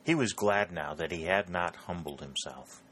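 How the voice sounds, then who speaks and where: A man narrating a historical novel in steady, scripted storytelling. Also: deep voice, moderate pace. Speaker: audiobook narrator.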